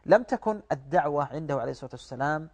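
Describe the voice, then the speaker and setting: A man's voice: on the high side, lively intonation, racing. A man speaking as a guest religious scholar, explaining in a didactic, rhetorical way in formal Arabic. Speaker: guest Islamic studies scholar.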